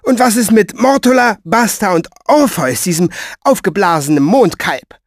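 A pushy, stout middle-aged woman barges in with a high, shrill voice and no pause for breath, as a male reader puts her on. She fires one question after another with wildly swinging pitch. The reading sounds dry and close, an audiobook character. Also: animated, no room sound. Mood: indignant.

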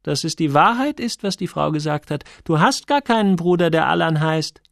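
A teasing, knowing woman from an audiobook, as a male reader puts her on. She speaks high and lightly, with an unhurried, curious way of talking. Her voice has some gravel in it, and the room around it is dry. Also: lively intonation, fairly bright tone, no echo.

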